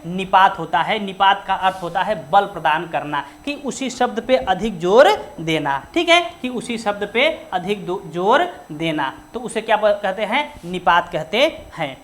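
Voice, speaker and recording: Brief: grammar teacher, woman, mid-pitched voice, repetitive question-and-answer delivery. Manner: keeps asking rhetorical questions and answering them herself; slows to stress words one by one. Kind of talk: exam-prep lesson.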